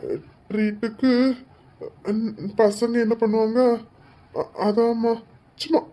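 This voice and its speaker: A woman's voice: a little high, little pitch movement, slow pace, warm tone. A woman playing an apologetic young husband in a comic couple skit, coaxing and begging forgiveness, sometimes turning irritated.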